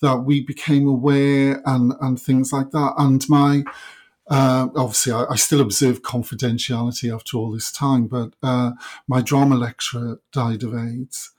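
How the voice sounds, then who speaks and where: A man's voice: medium pitch, level tone, moderate pace, darkish tone. Male interviewee, middle-aged, Welsh Valleys accent; reflective, hesitant conversational delivery. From South Wales Valleys. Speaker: interview guest.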